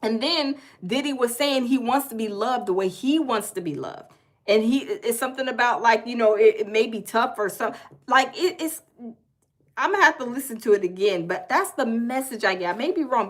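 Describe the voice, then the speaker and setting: Casting: Southern woman livestream host, high voice, chatty and folksy, repeats herself. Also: lively intonation, brisk. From American South. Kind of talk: casual livestream chat, reading viewer comments.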